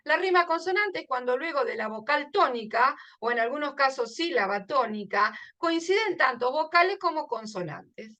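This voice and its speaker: A woman's voice: sits high, bright, forceful tone. A woman explaining a literature lesson, emphatic and often checking in with her listeners. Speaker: literature teacher.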